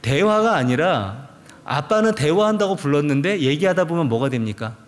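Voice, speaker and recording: A man's voice: on the high side, expressive, moderate pace. A male pastor preaching a sermon, asking the congregation rhetorical questions and acting out quoted prayers. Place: large church sanctuary. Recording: long church hall reverb.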